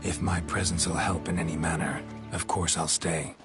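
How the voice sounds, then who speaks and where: Geralt, a man voicing a gruff, deep-voiced monster hunter. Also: moderate pace, music in the background, close to an everyday voice. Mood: terse. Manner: terse, low and flat.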